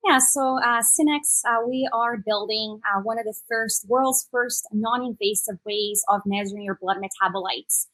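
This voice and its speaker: A Brazilian woman in her thirties, a native Portuguese speaker with a Brazilian Portuguese accent, appears as a startup executive guest on a panel, upbeatly explaining her startup with many "uh" fillers. Her fairly high, slightly bright voice moves at a moderate pace with hardly any pauses, and the audio is poor.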